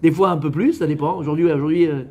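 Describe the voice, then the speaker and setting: French rabbi, high male voice, chatty joking sermon, addresses the crowd directly. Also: steady tone, fast, dark tone. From France. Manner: joking, conversational, talks straight to listeners; mixes in Hebrew religious words. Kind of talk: lively sermon to a live audience.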